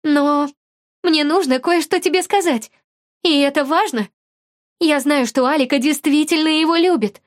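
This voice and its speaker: A woman's voice: sits high, normal speed, no echo, clean studio sound, pitched above the performer's own voice, lightly acted. A woman voicing a young woman who dabbles in magic, speaking in an urgent, pressing way in an audiobook. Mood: ominous. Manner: urgent, pressing, growing menacing. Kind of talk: audiobook character voice.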